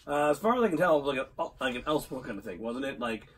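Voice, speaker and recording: Hoarse, husky man co-host. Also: medium pitch, lively intonation, rapid-fire, recorded from a distance. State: hoarse from a long illness. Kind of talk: casual podcast chat.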